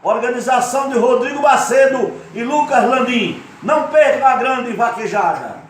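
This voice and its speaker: A man with a Northeastern Brazilian accent rousing listeners as a hyped rodeo announcer, with loud calls promoting a cattle festival. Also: very high-pitched, expressive, moderate pace, slight background noise. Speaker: vaquejada announcer and cattle-call singer. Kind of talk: hyped rodeo announcer, event promo with sung aboio chant. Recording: heavy echo on the voice.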